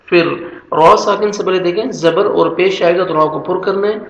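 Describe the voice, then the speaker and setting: A male teacher giving a step-by-step pronunciation lesson, slowly chanting each example and then explaining quickly. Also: high voice, a bit bright, echoey room, dull audio. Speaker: recitation teacher.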